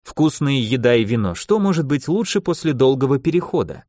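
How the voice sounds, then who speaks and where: A man narrating an audiobook in an expressive storytelling manner on a close studio mic. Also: mid-range voice, a little fast, no echo.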